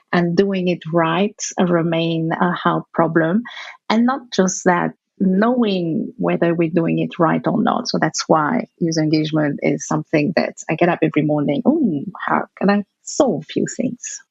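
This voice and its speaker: A middle-aged woman from Algeria speaks in a low, gravelly voice, answering interview questions thoughtfully and sometimes restarting a phrase mid-thought. The audio is dull and lo-fi, with a dry, close sound. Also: darkish tone, no echo. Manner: thoughtful, searching for words, restarts. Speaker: guest researcher.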